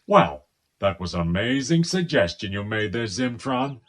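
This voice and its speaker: A sarcastic exasperated captain. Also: male voice, mid-range voice, sing-song, normal speed, a bit bright. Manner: dry sarcastic. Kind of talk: audio drama acting.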